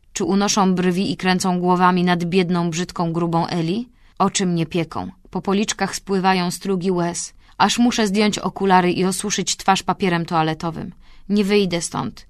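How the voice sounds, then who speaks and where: A woman's voice: lowish voice, no echo, clean studio sound. A woman narrating a novel in the first person in an intimate, confessional manner. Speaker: audiobook narrator.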